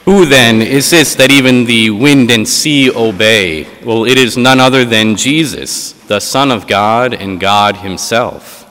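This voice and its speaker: A man speaking as a priest in church, reading and preaching in a measured, solemn, deliberate way, with a cathedral-like echo. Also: medium pitch, fairly bright tone. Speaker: priest giving gospel reading and homily. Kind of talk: liturgical reading and sermon. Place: large reverberant church. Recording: cathedral-like echo, long hall reverb.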